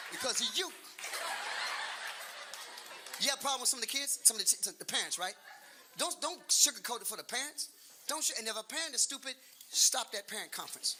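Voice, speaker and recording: A man in his late fifties works a comedy stage, loud and animated, firing off punchlines twice and talking straight to the crowd. His voice sits unusually high for a man. The live recording carries clear audience noise behind him. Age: 50s. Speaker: stand-up comedian. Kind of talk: stand-up comedy.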